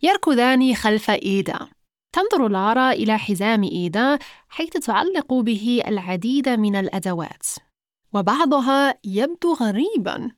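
A woman narrating a children's story in a calm, even storytelling manner. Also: fairly high pitch, moderate pace, no echo, clean studio sound.

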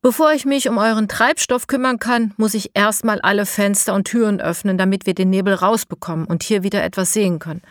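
A woman voicing a knowledgeable girl who calmly explains things, in a storybook reading. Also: medium pitch, fairly quick, few pauses, no room sound, studio quality, close to an everyday voice. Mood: explaining. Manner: explaining, cautionary.

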